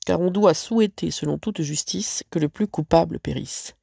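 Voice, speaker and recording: A self-serving lion king speaks in solemn, stately verse, as a teacher reads the fable aloud. The voice is mid-pitched with a gravelly edge. It is dry and close. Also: moderate pace, mellow, no room sound.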